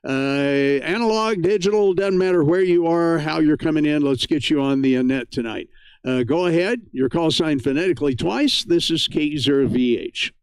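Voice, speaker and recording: A man's voice: fairly high pitch, animated, moderate pace, clear, resonant tone, no room sound, poor audio. An American man, middle-aged or older, hosting an amateur radio net in a chatty, folksy, casual way.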